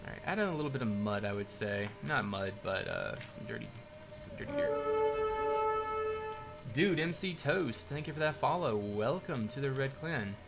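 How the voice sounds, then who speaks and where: A man's voice: medium pitch, normal speed, creaky, few pauses. A man hosting a live stream, casually chatting while he builds and answering viewer questions as they come in. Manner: thanks followers and answers viewer questions in a relaxed ramble. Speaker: livestream host building in a game. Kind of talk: casual live commentary reading chat. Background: faint game soundtrack music.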